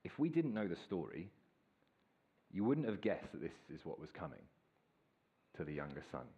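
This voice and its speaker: A man, preaching a sermon in a relaxed, storytelling way. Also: sits low, normal speed, slightly rough, muffled recording. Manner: casual, self-deprecating, lively storytelling. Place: church hall.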